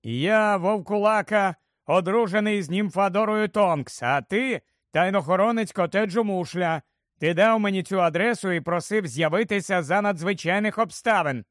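A man voicing an excited middle-aged wizard who has just become a father, talking loudly in a raised voice. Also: high-pitched, unhurried, dry recording, clean studio sound. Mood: urgent. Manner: loud, breathless joy, raised voice.

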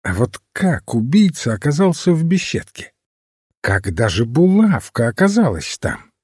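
Man reading calm thoughtful priest detective, measured, husky, slow, storybook. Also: medium pitch, no echo, clean studio sound, voice pushed up. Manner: measured, reflective.

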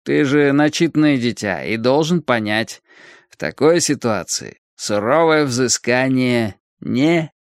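A man playing a hard, calculating teenage gang leader who speaks in a measured, lecturing way. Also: fairly high pitch, animated, dry recording, clean studio sound, pitched above the performer's own voice. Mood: grim.

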